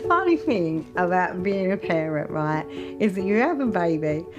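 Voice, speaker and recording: A mother in her thirties talks in lively reality TV chat and slips into mock-stern scolding. Music plays clearly behind her. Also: lowish voice, moderate pace, muffled recording. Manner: animated, mock-stern telling off. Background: background music.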